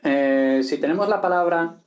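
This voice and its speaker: A man's voice: fairly high pitch, moderate pace, a little mellow. Man explaining pronunciation. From Spain. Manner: explanatory, frequent "¿vale?" check-ins and repeated model words. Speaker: language teacher. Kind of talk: video lesson on pronunciation.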